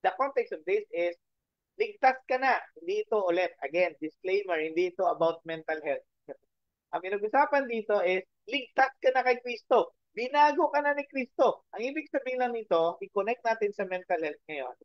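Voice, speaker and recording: Pastor guy preaching, lots of rhetorical questions, highish voice, kinda dull dry recording. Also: expressive, normal speed, dry recording. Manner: Taglish preaching, rhetorical questions, frequent "okay?". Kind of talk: sermon.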